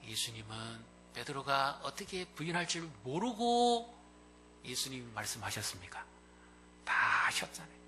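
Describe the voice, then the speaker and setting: 이 남자 목사는 교회에서 주일 설교를 합니다. 밝고 팽팽한 음색에 중간 높이의 목소리로, 감정이 실려 소리가 크게 높아지다가도 거의 속삭이듯 잦아듭니다. 뒤로는 희미한 웅웅거림이 들립니다. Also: male voice, medium pitch, very animated, moderate pace, slight background noise. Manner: emotive preaching, swinging from loud rises to hushed near-whispers. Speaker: pastor. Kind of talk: Sunday sermon. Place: church sanctuary.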